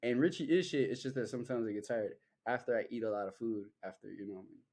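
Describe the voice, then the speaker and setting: In this casual chat, a young podcast host speaks quickly with a mid-range, somewhat mellow voice, wandering loosely between topics and leaning heavily on fillers and swear words.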